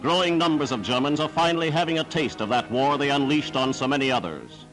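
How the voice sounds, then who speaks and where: A man's voice: mid-range voice, quick pace, fairly bright tone, soft background music, rough recording. A man reading scripted 1940s newsreel narration in a formal, declamatory manner on a period soundtrack.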